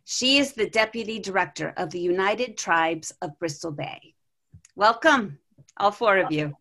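A woman hosting a podcast, reading guest introductions in a measured way and then asking questions. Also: medium pitch, expressive, a bit bright. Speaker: podcast host.

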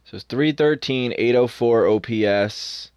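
A young man co-hosting a podcast in a casual sports chat, opinionated and animated. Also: mid-range voice, clean tone, dull audio. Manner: opinionated, animated, quick asides. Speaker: podcast co-host.

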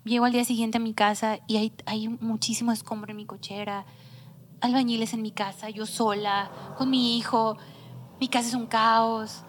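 A woman's voice: on the high side, level tone, normal speed, slight background noise. Emotional woman sharing a testimony. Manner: emotional storytelling, drops to near whisper at times. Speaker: church worship singer. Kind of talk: casual testimony among church staff.

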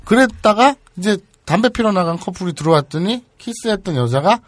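A man hosts a loose, joking talk show conversation in a husky voice. His delivery swings freely up and down from a slightly high register, and the sound is close and dry. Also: animated, brisk, no echo. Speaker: podcast host. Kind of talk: casual talk show chat.

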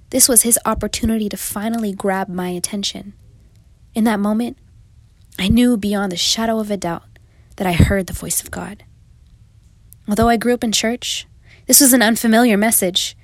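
A woman's voice: mid-range voice, dry recording. A young adult woman reading her own first-person story in a reflective, confessional manner. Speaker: narrator. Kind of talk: first-person memoir narration.

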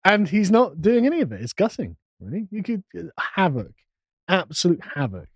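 A man's voice: sits high, sing-song, moderate pace, husky, no echo. A man co-hosting a live podcast, chatting casually, laughing often and mimicking voices. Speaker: podcast co-host. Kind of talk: casual banter on a live stream.

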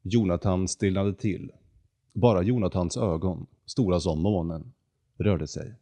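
Low-voiced calm male storyteller. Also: no room sound. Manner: calm, measured reading. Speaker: narrator. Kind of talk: scripted storybook narration.

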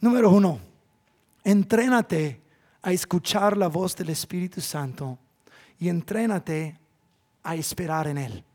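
High-voiced pastor preaching a sermon. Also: male voice, measured pace, long pauses. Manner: impassioned preaching, swings from loud to hushed, mimics children. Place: church.

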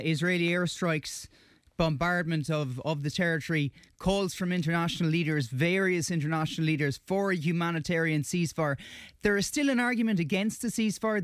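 A man giving measured, reflective political commentary, often rephrasing as he goes. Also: a little high, no room sound, studio quality. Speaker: radio current affairs commentator. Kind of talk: political discussion.

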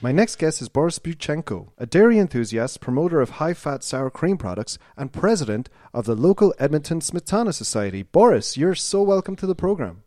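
A man's voice: fairly high pitch, very animated, fairly quick, few pauses, warm tone, no room sound, faint music behind. A man playing a polite, earnest local interview show host, speaking a little hesitantly in a mock radio interview. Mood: upbeat, presenting.

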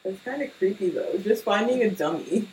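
A woman's voice: mid-range voice, lively intonation, moderate pace, darkish tone, a little hiss or hum, low-quality recording. A young woman co-hosting a podcast, casual and chatty, dropping short dry jokes. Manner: dry quips and short interjections. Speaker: podcast co-host. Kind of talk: casual chat.

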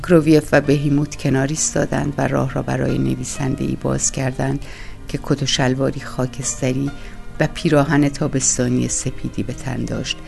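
A woman reading a novel aloud as narrator, in a calm, measured storytelling voice. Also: extremely low pitch, creaky. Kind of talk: audiobook reading.

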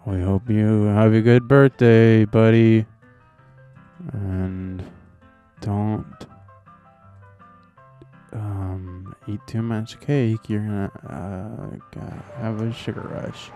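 A man's voice: on the low side, flat delivery, drawn-out words, pauses often, dark tone, lo-fi sound, soft background music. A man in his twenties co-hosting a podcast in casual, joking chat. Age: 20s. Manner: joking, teasing. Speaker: podcast co-host.

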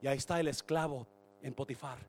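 A man preaching a sermon to his church in an animated, joking way, slipping English phrases into his Spanish. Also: mid-range voice, fast talker. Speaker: pastor.

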